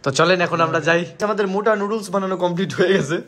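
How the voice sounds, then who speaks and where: A young man with a Bangladeshi accent talks in a casual, joking vlog style. His delivery is rapid and slightly high-pitched, informal and chatty. The room echoes around his voice. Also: fairly even intonation, fairly bright tone. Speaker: vlogger hosting a food challenge. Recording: roomy echo, music underneath.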